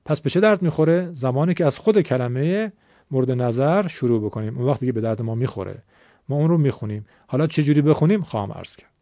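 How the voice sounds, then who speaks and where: A man's voice: medium pitch, expressive, mellow, no echo, lo-fi sound. A man teaching a Quran reading lesson, explaining patiently and politely to his viewers.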